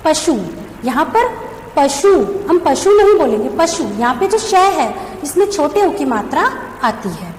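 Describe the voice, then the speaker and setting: A woman's voice: high voice, very animated, normal speed. A woman teacher giving a grammar lesson, asking questions and then answering them herself as she spells out letters one by one. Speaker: school teacher. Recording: echoey room with faint background hum.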